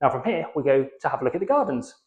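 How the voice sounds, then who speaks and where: A man's voice: mid-range voice, sing-song, very fast, breathy edge, no room sound, muffled recording. A man working as an estate agent, giving an upbeat, chatty walking tour of a house and garden and talking straight to the viewer. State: out of breath from the heat. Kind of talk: walking property tour to camera. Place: house and garden, indoors and outdoors.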